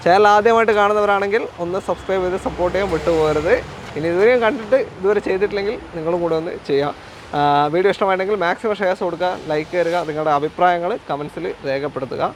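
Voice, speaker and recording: A man's voice: high voice, very fast, rough recording. A man with a Kerala Malayalam accent hosts casually, mixing English car terms into Malayalam and repeating answers back to confirm them. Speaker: host of a used car video show. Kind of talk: casual presenting and questioning. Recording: outdoor street noise, faint traffic.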